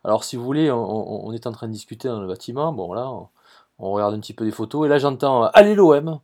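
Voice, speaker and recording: A man's voice: lowish voice, quick pace, a little mellow. A podcast host with a Marseille accent who tells travel stories enthusiastically, repeats words and restarts his sentences, and talks straight to his listeners. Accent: Marseille French. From southern France. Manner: enthusiastic, addresses listeners directly. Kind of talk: travel storytelling.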